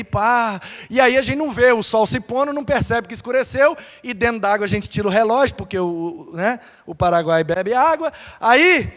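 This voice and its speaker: High-voiced Brazilian pastor in an echoey hall. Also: male voice. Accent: Brazilian Portuguese. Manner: animated, acts out dialogue and sound effects. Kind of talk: sermon storytelling. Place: church hall.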